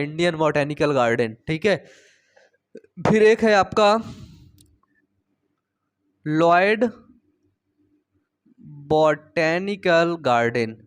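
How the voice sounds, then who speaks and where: A man's voice: on the high side, smooth. A young man teaching biology in a casual, chatty way, posing questions and answering them himself, with stories mixed in. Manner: chatty, storytelling, asks and answers his own questions. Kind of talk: casual Hindi lecture.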